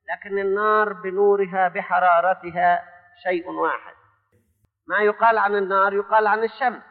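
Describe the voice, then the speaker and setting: A man's voice: sits high, phone-quality sound. A man with an Egyptian Arabic accent giving a theological teaching sermon, explaining by asking questions and answering them. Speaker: preacher.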